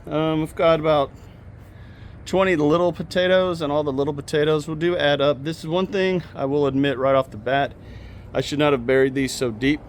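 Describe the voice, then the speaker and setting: A man's voice: fairly high pitch, steady tone, brisk, a little hiss or hum. A man hosting a casual backyard gardening vlog, chatty and practical, talking straight to his viewers. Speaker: home gardening channel host. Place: outdoors in a backyard garden, then indoors.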